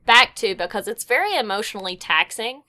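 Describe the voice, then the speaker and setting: A woman's voice: a little high, expressive, brisk, pushed and bright. A young woman guest on a podcast, chatting casually and rambling a bit, with frequent fillers and restarts. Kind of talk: casual chat.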